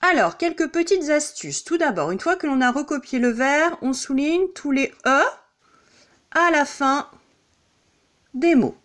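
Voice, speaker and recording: A woman teacher explaining a lesson in a video, slowly and carefully, with small slips and self-corrections, stretching out verse lines syllable by syllable. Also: sits high, expressive, a bit bright.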